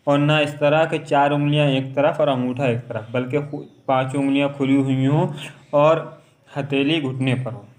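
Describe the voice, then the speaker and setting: A man teaching how to pray, explaining each step and repeating it, then reciting Arabic verses in a slow chant. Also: medium pitch, darkish tone. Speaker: religious teacher. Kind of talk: instructional lesson on prayer.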